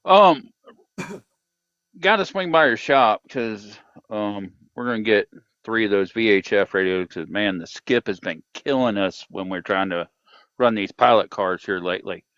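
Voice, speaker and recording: A man's voice: fairly low pitch, unhurried, a bit bright, no echo. A man calling in over a sideband CB radio, slightly off-tune, chatting in a laid-back, rambling way as a pilot car driver. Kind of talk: casual chat over the radio. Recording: muffled lo-fi radio transmission.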